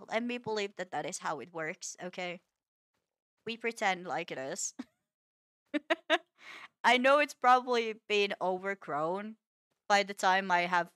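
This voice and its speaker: A woman streamer giving casual gameplay commentary, musing aloud in a soft, self-mocking way and often tripping over and repeating her words. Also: mid-range voice, clean tone, no echo, studio quality.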